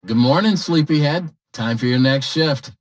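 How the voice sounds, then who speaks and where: An actor voicing a falsely cheerful corporate dispatcher in a video game, chipper and glib. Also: male voice, fairly high pitch, normal speed, close to an everyday voice. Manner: chipper, glib, smooth-talking. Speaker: company dispatcher. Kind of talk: scripted video game dialogue.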